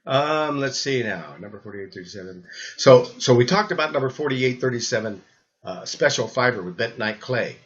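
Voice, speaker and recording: An older man with a rambling, halting delivery who repeats words as he talks through supplements, recorded as old camcorder audio. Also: mid-range voice, animated, lo-fi sound. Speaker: health supplement presenter. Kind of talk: rambling spoken talk.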